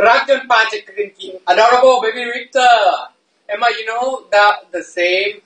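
A man's voice: extremely high pitch, very slow, pushed and bright. A man hosting a casual live stream, playful and giggly, often breaking into laughter. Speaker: livestream host. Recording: echoey room, mic at a distance.

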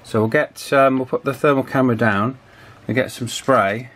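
A man with a mid-range, slightly bright voice speaks in a steady tone at a moderate pace. He is an electronics repair hobbyist presenter doing a casual hands-on repair demonstration, hesitantly thinking aloud, in a small indoor office workshop with table fan wind noise clearly in the background.

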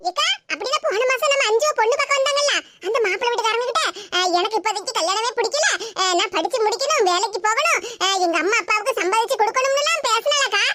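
Woman playing a meddling cartoon gossip with a Tirunelveli accent, very high and fast, on a noisy track. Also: animated, sharp tone, full character voice. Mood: needling. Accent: Tirunelveli Tamil. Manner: needling, insinuating.

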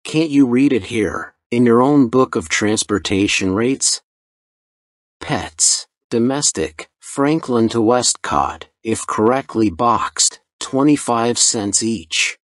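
A man voicing a furious, pompous middle-aged customer in a storybook reading, shouting indignantly. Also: mid-range voice, animated, slow pace, dry recording, clean studio sound. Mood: outraged.

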